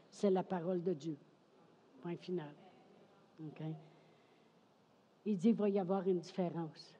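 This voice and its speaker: A woman pastor with a Québécois French accent preaches an emphatic sermon, often asking "OK?" and saying "Amen." Her voice is fairly low, mellow and husky, slow with frequent pauses, and the sound is dull with long hall reverb.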